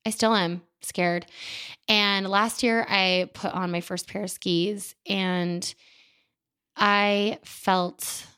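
A woman's voice: medium pitch, steady tone, drawn-out words, bright, forceful tone, clean tone. A woman in her thirties talking into a microphone in a candid, chatty, self-deprecating monologue as a podcast host. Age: 30s. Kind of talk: casual personal monologue. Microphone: studio microphone.

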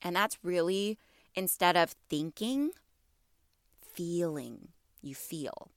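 Taking it slowly, a woman with a lowish, animated voice hosts a wellness podcast; she's in her thirties and a bit stuffy from allergies, so she sounds slightly congested. Her casual talk is warm and encouraging, full of questions for listeners, captured in a dry, clean studio recording.

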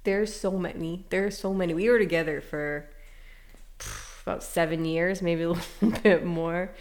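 A woman with a low, gravelly voice talks as an interview guest, candid and reflective. She laughs easily between thoughts and speaks plainly about hard times. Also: normal speed, darkish tone. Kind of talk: casual emotional interview.

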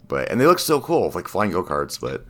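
A man's voice: deep voice, wildly swooping pitch, normal speed, a little hiss or hum. A man co-hosting a casual podcast who jokes around loosely and swears now and then. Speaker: podcast host. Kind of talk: casual chat.

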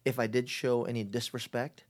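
A middle-aged man talking reflectively as an interview guest, halting often and restarting his sentences. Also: mid-range voice, level tone. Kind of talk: casual conversation.

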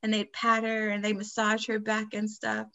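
A woman's voice: mid-range voice, completely flat delivery, moderate pace, sharp tone, dull audio. Woman, podcast co-host, casual chatty storyteller, easy laughs. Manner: frequent fillers like "like" and "you know".

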